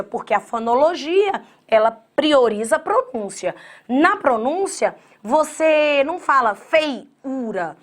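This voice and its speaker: Lively Brazilian woman teaching grammar. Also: on the high side. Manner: lively, talks straight to students, acts out their objections; spells words out slowly by syllable. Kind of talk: online exam-prep lecture.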